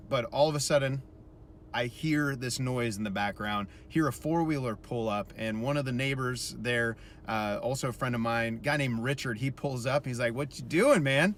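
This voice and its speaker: A man in his thirties telling a self-deprecating story in a casual vlog, chatty and animated when he quotes people. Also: medium pitch, moderate pace, a little hiss or hum. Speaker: musician vlogger.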